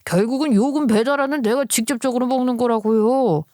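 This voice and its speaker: A woman voicing an annoyed delivery driver who complains briskly. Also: a little high, mellow, dry recording, studio quality, natural voice. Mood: irritated.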